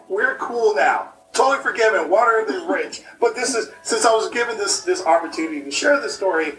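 A man in his late thirties, a podcast guest and improv performer, tells a story in a rambling, halting, self-mocking way, his voice tinny as if he were inside a metal can. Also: a little high, fairly bright tone, roomy sound. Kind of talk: casual chat, storytelling. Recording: hollow, distant remote call with faint hiss.

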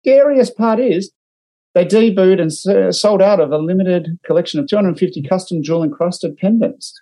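A man's voice: high voice, brisk, mellow, low-quality recording. A man with an Australian accent co-hosting a casual podcast, talking marketing with wry, dry humor. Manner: wry, dry humor, reads out and critiques clips. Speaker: podcast co-host and digital marketer. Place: remote call.

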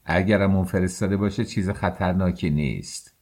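A man reading the part of a brooding, feverish young male student, speaking low and curt in an audiobook. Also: a little mellow. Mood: weary.

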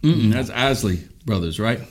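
A man's voice: medium pitch, animated, normal speed, a little hiss or hum. A man co-hosting a casual podcast, laughing often and humming while he chews. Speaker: podcast co-host. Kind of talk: casual chat.

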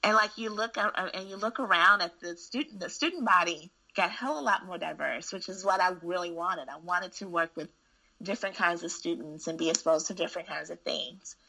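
Frank, gravelly-voiced woman telling stories. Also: lowish voice, fairly quick, rough recording. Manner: candid, frank, animated storyteller with frequent restarts. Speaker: school administrator. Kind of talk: casual conversation.

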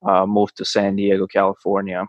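Hesitant low flat-voiced male guest. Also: normal speed, dry recording, muffled recording. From Russia. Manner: hesitant, many uhs. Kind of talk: casual interview answers.

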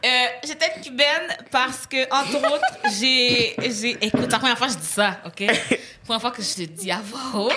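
A woman actress from Haiti, telling animated stories and laughing often in a casual panel chat. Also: on the high side, normal speed, few pauses, very noisy.

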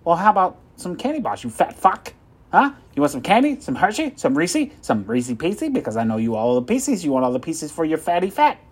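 A man's voice: a little high, sing-song, normal speed, breathy edge. A man playing a pushy, insulting telemarketer who brags and swears. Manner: loud, insulting hard sell. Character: pushy rude male phone salesman.

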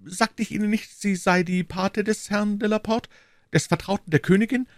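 A man's voice: high voice, steady tone, normal speed, dry recording, clean studio sound, voice pushed up, lightly acted. A man voicing a talkative, deferential married man who confides at length in a polite, rambling way. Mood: confiding.

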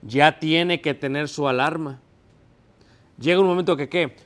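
A man's voice: on the high side, measured pace. Male preacher with a slightly raised voice, quizzing his flock and acting out everyday scenes. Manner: asks the congregation questions and answers himself. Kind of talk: sermon.

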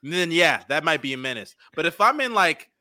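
A man's voice: on the high side, big pitch swings, brisk, pushed and bright, no echo, clean studio sound. A young American man bantering casually with friends in teasing, profane frat-bro slang. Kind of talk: casual group chat on a stream.

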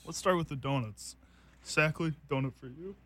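A man's voice: on the high side, moderate pace, pushed and bright. Laughing young man hosting a food taste test. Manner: laughs often, loose rambling with fillers. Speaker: host.

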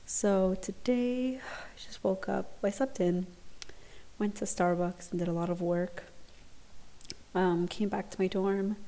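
In a dorm lounge, a young adult podcast host gives a relaxed solo update, recorded on a laptop via her earphone mic. She sounds self-conscious, hesitant and awkward, with a mellow mid-range voice, fairly even intonation, an unhurried pace and long pauses.

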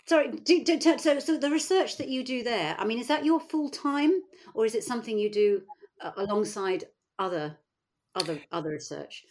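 A woman's voice: on the high side, animated, normal speed, darkish tone. A woman hosting a podcast, interviewing in an effusive, casual and chatty way. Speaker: podcast host.

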